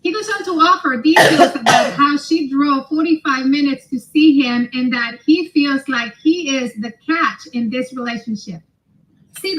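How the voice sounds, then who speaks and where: A woman's voice: high voice, slight background noise, rough recording. A woman delivering composed social media commentary in an articulate, firm and judgmental way.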